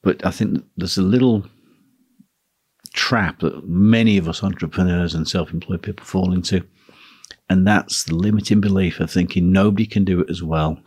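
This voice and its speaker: A man hosting a solo talk on running a teaching business, speaking in a relaxed, musing way. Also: low voice, slightly rough. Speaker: podcast host, guitar teacher.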